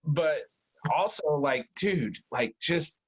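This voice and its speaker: Rambling through casual podcast chat, a thirty-something male co-host uses "like" and "dude" in every sentence and swears heavily. His voice is fairly high and animated yet slow, with a little hiss or hum in the recording.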